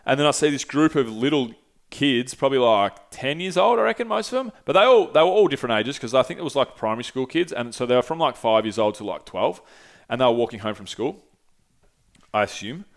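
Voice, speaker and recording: A man's voice: mid-range voice, expressive, fairly quick. A young man casually telling a rambling travel story, swearing freely and using lots of fillers. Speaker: podcast guest telling travel stories.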